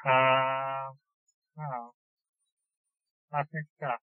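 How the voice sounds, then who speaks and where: A man taking part in an interview over a phone line, giving short, simple, halting answers. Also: medium pitch, little pitch movement, clean tone, dry recording. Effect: heard over a phone line. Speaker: interview guest. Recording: tinny dry phone line.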